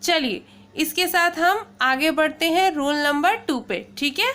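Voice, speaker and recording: With a high-pitched, sharp voice, a woman talks to children as she teaches pronunciation in a classroom manner. She breaks words down letter by letter, explains carefully at a slow pace, and keeps asking "okay".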